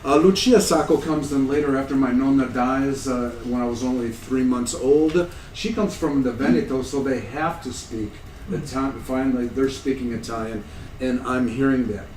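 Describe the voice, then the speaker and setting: At a conference lecture room, a US man in his sixties delivers an anecdotal academic talk at a moderate pace and medium pitch, frequently sounding amused and poking fun at himself in a relaxed way. The far-off mic makes him echoey and a bit remote, with light background noise.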